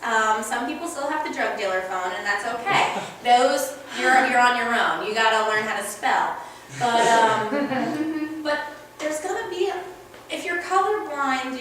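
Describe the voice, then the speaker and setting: A woman's voice: a little high, bright, forceful tone. A young woman from New York doing a stand-up comedy set, ranting in an exasperated way and laughing at her own jokes. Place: small comedy club stage. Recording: echoey club heard from far off, noisy.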